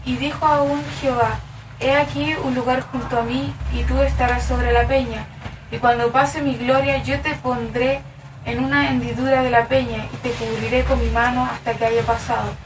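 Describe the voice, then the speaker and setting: A woman's voice: on the high side, level tone, moderate pace. A woman in a study group reading a Bible passage aloud. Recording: echoey room, distant mic, noisy.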